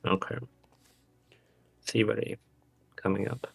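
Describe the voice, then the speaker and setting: A man's voice: on the low side, fairly even intonation, slow pace, gravelly, breathy edge. A man chatting casually as a player in a tabletop game.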